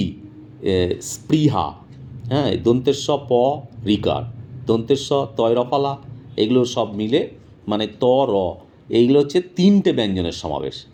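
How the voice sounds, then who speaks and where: A man teaching an informal exam-prep lesson, explaining patiently to his students and pausing often with fillers. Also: mid-range voice, a little mellow. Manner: explains patiently, addresses students directly, many fillers and pauses.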